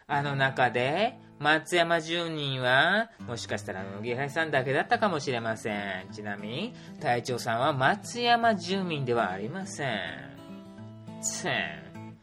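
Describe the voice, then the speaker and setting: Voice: mid-range voice, lively intonation, normal speed, few pauses, fairly bright tone, faint music behind. A playful storyteller recapping a group trip, full of puns and little sound effects. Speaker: tour organizer recounting a trip. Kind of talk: casual spoken trip recap.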